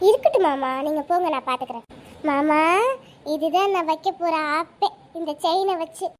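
A scheming young wife, voiced by a woman in a cartoon. She sounds sweet and earnest but sly, in a very high, girlish voice. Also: moderate pace, a little mellow. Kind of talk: cartoon voice acting.

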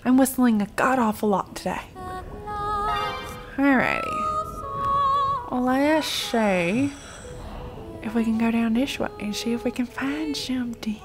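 A woman's voice: a little high, very animated, slow pace, pauses often, over music. A woman hosting a casual gameplay video, joking around, swearing freely and breaking into silly fake singing. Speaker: gaming video host.

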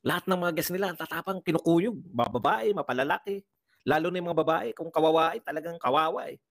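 Man, political vlogger, livestream commentary, impassioned, rhetorical questions, slightly high voice, dry close sound. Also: fast, no echo.

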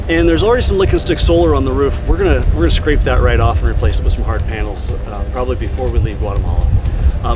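Chill guy rambling thru a boat tour, lots of ums, music under it. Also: mid-range voice. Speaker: boat owner giving a tour. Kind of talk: casual walkthrough vlog. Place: aboard a sailing catamaran, outdoors and in engine room.

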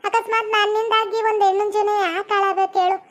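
Woman doing a squeaky, fast fretful village woman. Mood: earnest. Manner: excited, stammering.

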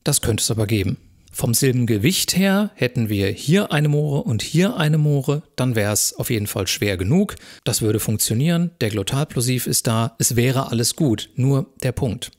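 Man, university lecturer, recorded lesson, calm, methodical, middle pitch, talks straight to viewers. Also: moderate pace. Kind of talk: recorded lecture explaining exam questions.

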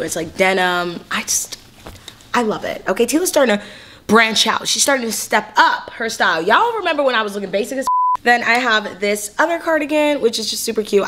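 A young woman from California talks through a casual haul vlog in a bubbly, chatty, slang-filled way. Her voice sits at an ordinary middle pitch for a woman, and she rattles along in quick bursts, then slows to linger on a word. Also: sharp tone, a little hiss or hum. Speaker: fashion vlogger.

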